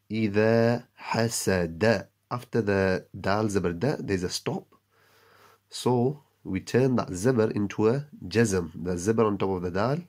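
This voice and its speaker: A man with a deep, low voice teaches an online class. He spells out letters and sounds slowly and patiently, one at a time. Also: darkish tone, husky. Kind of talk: online lesson.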